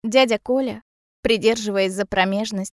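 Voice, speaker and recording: A woman's voice: medium pitch, moderate pace, no echo, studio quality. Woman narrating an audiobook in first person.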